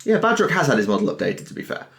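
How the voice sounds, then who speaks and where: Lively, rambling podcast guy. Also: medium pitch, racing, creaky. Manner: rambling, self-deprecating, swears casually. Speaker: podcast panelist. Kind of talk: casual chat.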